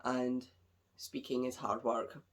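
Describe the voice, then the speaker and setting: At home, a woman hosts a craft podcast in a very deep, flat voice at a slow pace. A cold has left her congested and a bit nasal, and she chats casually about crafts, rambling a little.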